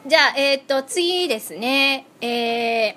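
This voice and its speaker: Animated woman hosting a chatty radio show. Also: high-pitched, a little hiss or hum. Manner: playful, musing, trails off in drawn-out fillers. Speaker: radio show host reading listener submissions. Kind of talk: casual radio chat.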